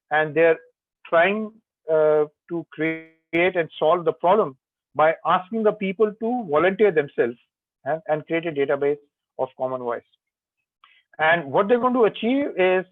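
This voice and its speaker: A man's voice: fairly high pitch, dry recording. A man giving an online webinar lecture, explaining step by step with frequent "uh" and "you know" fillers. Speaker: guest speaker on technology. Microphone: video call. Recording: tinny phone-like call audio, dry.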